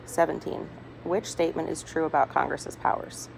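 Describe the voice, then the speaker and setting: A woman reading multiple-choice test questions aloud item by item in a hospital room, deliberately and with small stumbles. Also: deep voice, flat delivery, gravelly. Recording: noisy hospital room with background chatter. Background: people talking, ambient noise.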